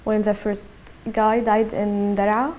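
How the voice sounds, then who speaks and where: A twenty-one-year-old woman from Syria with a Syrian accent, giving a halting personal testimony in an interview and often repeating her words. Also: medium pitch, little pitch movement, darkish tone, slight background noise.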